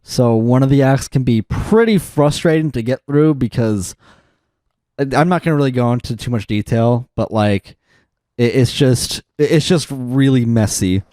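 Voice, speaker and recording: In a clean, dry studio recording, a male podcast co-host speaks at medium pitch with a warm, expressive tone and moderate pace. His casual chat rambles, packed with fillers and restarts.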